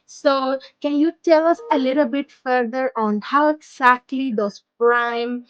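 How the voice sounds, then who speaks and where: High-voiced woman attorney hosting. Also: steady tone, dull audio. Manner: warm-hearted, halting, with repeated restarts. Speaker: immigration attorney and host. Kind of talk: hosted interview.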